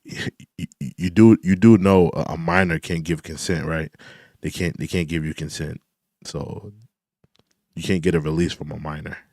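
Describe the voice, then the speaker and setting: With a darkish bass voice, fairly even intonation and a normal pace, a thirty-something commentary host reacts to someone. He repeats himself in disbelief and speaks right at the person he's taking apart.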